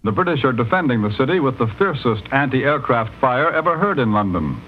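A man delivering a 1940s radio news bulletin in a formal, measured announcer manner, heard as an old newsreel radio broadcast. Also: medium pitch, very animated. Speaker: radio newscaster. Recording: dull lo-fi archival radio with faint hiss.

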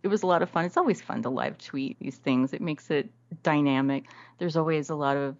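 A woman's voice: deep voice, brisk, darkish tone, dry recording, dull audio. A woman blogger talking casually in an interview.

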